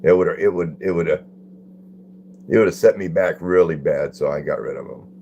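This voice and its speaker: A man's voice: deep voice, moderate pace, gravelly, mellow, highs cut off, slight background noise. An older man hosting a live stream, chatting in a folksy way and greeting viewers by name as he reads their comments. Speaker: livestream host. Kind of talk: casual live-stream chat reading comments.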